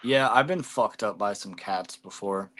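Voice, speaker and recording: A man's voice: lowish voice, a little slow, fairly bright tone. A man hosting a casual livestream chat, telling rambling stories and swearing freely. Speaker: livestream host.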